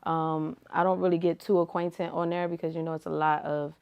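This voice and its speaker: A woman's voice: low-pitched, little pitch movement, brisk, vocal fry, smooth, lo-fi sound. A young woman giving casual, slangy answers as an interview guest, laid-back and full of "like" and "you feel me". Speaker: rapper and reality TV personality, guest.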